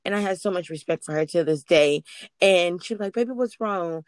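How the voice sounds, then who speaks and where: A woman hosting a faith-based podcast interview, telling her stories in an animated way. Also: on the low side, a little fast, no echo. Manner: animated storyteller, acts out quotes. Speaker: podcast host.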